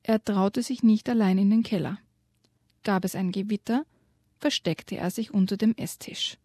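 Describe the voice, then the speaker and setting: A woman's voice: medium pitch, normal speed, dark tone, no echo, clean studio sound. A woman reading aloud from a children's book and retelling the story, dropping to a whisper for suspense. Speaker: guest presenting a children's book.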